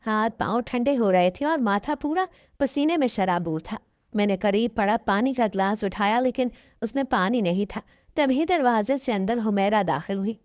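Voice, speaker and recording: A woman's voice: on the high side, expressive, moderate pace, darkish tone, dry recording. A woman narrating a first-person moral story in an earnest, emotional way, close to the mic.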